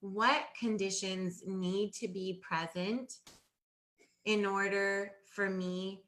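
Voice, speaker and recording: Bright-voiced woman in her forties. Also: medium pitch, fairly even intonation, takes it slowly. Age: 40s. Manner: earnest, explanatory, thinks aloud with restarts. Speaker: host of a fertility Q&A. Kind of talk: live-streamed advice talk.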